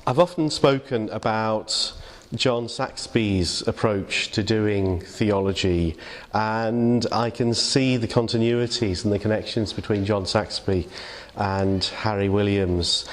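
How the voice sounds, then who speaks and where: An English man giving an informal, conversational sermon reflection in church, with many fillers and restarts. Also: fairly low pitch. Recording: long reverb of a church hall.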